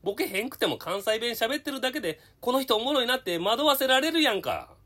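A woman playing a timid, insecure middle-aged male radio co-host who speaks a fake Kansai accent and mumbles and hesitates, turning gruff when annoyed. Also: fairly high pitch, very animated, fast, a bit bright. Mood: grumbling, defensive. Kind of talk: comedy radio sketch.

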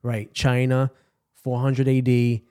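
A man's voice: medium pitch, level tone, slow pace, warm tone, smooth. A man co-hosting a podcast, speaking in a laid-back, dreamy way. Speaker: podcast co-host. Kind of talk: casual chat.

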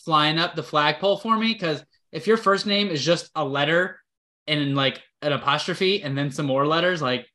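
Upbeat male podcast co-host, sharp voice, jokey and animated. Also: fairly high pitch, moderate pace. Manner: excitable, laughing, joking. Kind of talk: casual chat.

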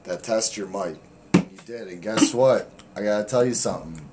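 A man's voice: on the low side, moderate pace, heavy background noise. A man hosting a podcast, joking around with crude, profane banter. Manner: joking, profane, playful trash talk. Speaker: podcast host.

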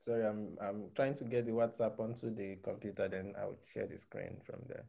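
Gravelly man leading an online group call. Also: fairly low pitch, fairly even intonation, fairly quick, warm tone, muffled recording. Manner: calls on people by name to recap. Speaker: discussion group facilitator. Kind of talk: casual online group meeting. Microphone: video call.

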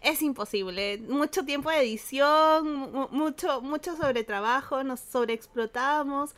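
A woman co-hosting a podcast, giggly and quick with jokey asides. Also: high-pitched, fairly bright tone. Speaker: podcast co-host. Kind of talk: casual chat.

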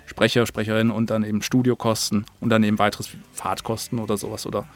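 Speaking quickly in a fairly low, level voice, this man is an interview guest who makes audio dramas. The conversation is a casual chat, and he keeps it informal and slangy, rambling somewhat.

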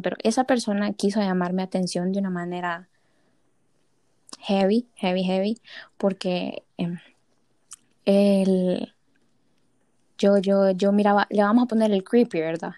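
A woman's voice: medium pitch, moderate pace, pauses often, no room sound. A young woman from Honduras, telling stories in casual chat and acting out the voices she quotes. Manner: animated storyteller, acts out quoted voices.

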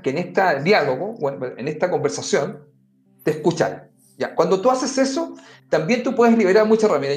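With a high voice in a roomy echo and faint background music, a podcast guest explains his advice conversationally. He talks directly to the listener, frequently saying "mira" and "amigo."

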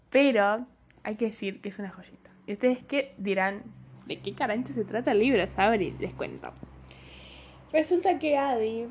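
Woman book vlogger, chatty and rambling, self-mocking, mid-pitched voice. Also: a little mellow. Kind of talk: casual book recommendation vlog.

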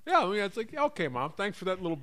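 High-pitched and quick, this middle-aged American man rambles through a comic, casual chat. His manner is animated, and he keeps stopping to correct himself.

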